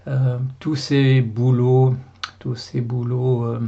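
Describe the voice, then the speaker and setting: A man's voice: medium pitch, little pitch movement, slow, vocal fry, dark tone, dull audio. A Belgian man with a Belgian French accent, a blogger talking alone to camera in a rambling, indignant way with many fillers and repeats. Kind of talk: casual video monologue.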